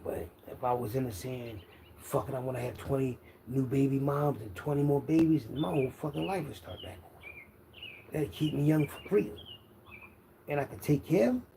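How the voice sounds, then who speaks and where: Speaking at normal speed in a mid-range voice with vocal fry and a dark tone, this Philadelphia internet content creator in his 50s boasts through a casual, self-assured, slang-heavy street monologue. He's outdoors, where background noise and birdsong can be heard.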